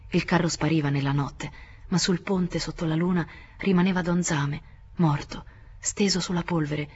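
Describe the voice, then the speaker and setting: A woman reading a literary novel aloud in a measured, quietly expressive way, dropping to a hush for the characters' lines. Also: low-pitched, slightly rough, muffled recording. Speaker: audiobook reader. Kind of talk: literary audiobook narration.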